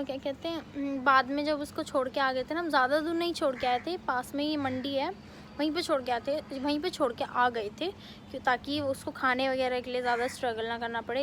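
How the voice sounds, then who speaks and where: A young woman vlogger telling a family story in a casual, animated way, with many fillers. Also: high voice, slight background noise. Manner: animated retelling, quick bursts, many fillers.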